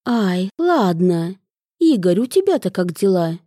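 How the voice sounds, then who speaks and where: Stylish middle-aged mother, brisk and mock-stern, read by a woman, warm dry read. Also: medium pitch, sing-song, dry recording.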